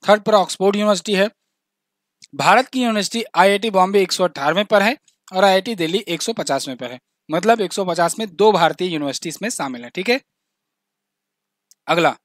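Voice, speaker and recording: Male exam-prep tutor, high-pitched, talky, repeats facts, dead-dry close recording. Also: fairly bright tone, no echo. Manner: chatty, explains with asides and little jokes; repeats key facts, says "ठीक है ना" often. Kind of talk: current affairs quiz lesson.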